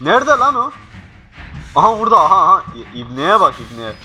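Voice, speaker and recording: A young man playing a horror game, swearing and jumpy, swinging from panicked yells to hushed mutters. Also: high voice, sing-song, brisk. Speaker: gaming youtuber. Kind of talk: horror game let's play commentary.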